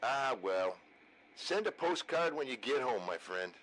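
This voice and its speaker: A man's voice: mid-range voice, big pitch swings, unhurried, a bit bright. A man playing a jovial, wry comrade talking over a radio in a video game. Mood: friendly. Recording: faintly noisy radio link.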